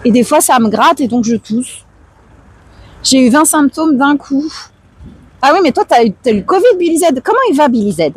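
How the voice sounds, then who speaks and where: A woman with a hoarse, tired voice, chatting casually and answering viewers on an outdoor livestream. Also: high voice, lively intonation, moderate pace, pauses often, dry recording. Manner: chatty, slangy, reads out and answers chat. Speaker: live streamer chatting with viewers. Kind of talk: casual chat, IRL livestream. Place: outdoors, walking through town streets.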